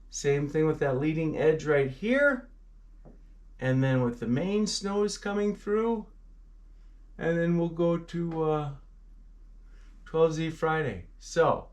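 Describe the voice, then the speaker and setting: Slow, chatty man doing a weather forecast. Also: mid-range voice. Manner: chatty and playful, with goofy exclamations; fumbles aloud with the software. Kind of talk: casual weather forecast walkthrough.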